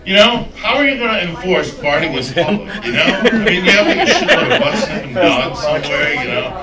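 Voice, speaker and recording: Rambling stand-up comic in an echoey club. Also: male voice, high voice, very animated, brisk, distant mic. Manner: rambling, self-mocking, crude jokes. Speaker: stand-up comedian. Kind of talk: stand-up routine. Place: comedy club stage. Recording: roomy club sound from afar with crowd. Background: audience laughter.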